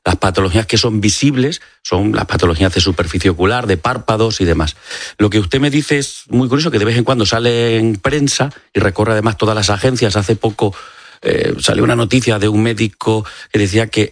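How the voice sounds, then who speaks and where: A man's voice: on the low side, no room sound. A man from Extremadura, an eye doctor, explaining as a guest in a radio studio interview, with many fillers and restarts. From Extremadura, Spain. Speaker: ophthalmologist guest. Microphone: studio microphone.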